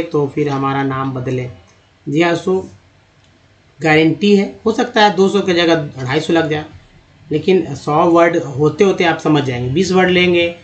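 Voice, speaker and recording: A man's voice: fairly high pitch, highs cut off. Man teaching English words. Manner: slow, spelling out words sound by sound. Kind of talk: explaining a lesson.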